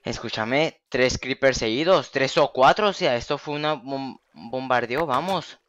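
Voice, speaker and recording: A man's voice: mid-range voice, moderate pace, fairly bright tone, no echo, muffled recording. A young man giving Minecraft let's play commentary, exasperated and repeating phrases in disbelief. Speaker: gaming youtuber.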